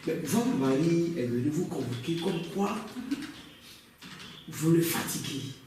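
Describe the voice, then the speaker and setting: An actor with an Ivorian French accent playing a flirtatious police officer who drawls and hesitates with "euh". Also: male voice, on the high side, expressive, background noise. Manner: slow, drawn-out, with hesitant "euh"s. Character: smooth-talking, flirtatious male police officer. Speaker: police adjudant. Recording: echoey room, distant mic, faint ambience.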